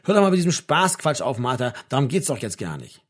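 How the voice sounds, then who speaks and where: A man's voice: medium pitch, very animated, fast talker. A man playing a terse, stubborn middle-aged father who brushes things off. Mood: curt. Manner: curt and dismissive.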